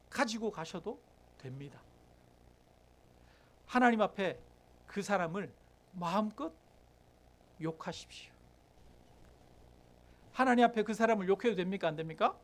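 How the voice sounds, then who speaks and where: A middle-aged male pastor delivers a sermon in a notably high voice. He keeps turning to the congregation with questions, then acts out heated prayers, his voice rising with feeling. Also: animated, normal speed, pauses often.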